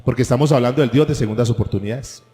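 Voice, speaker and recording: A man's voice: medium pitch, very fast, mellow. A man preaching a sermon as pastor, asking the congregation rhetorical questions. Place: church hall. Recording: echoey church hall with faint music.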